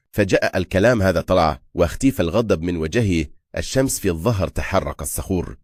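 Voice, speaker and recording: Male narrator for a film recap, low voice, brisk pace, dry close sound. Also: a little mellow, no echo.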